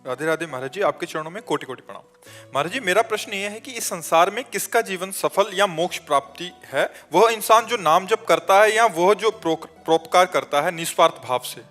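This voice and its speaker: A man's voice: sits high, lively intonation, brisk, fairly bright tone, soft background music. A man reading out devotees' questions in a polite, respectful, formal way.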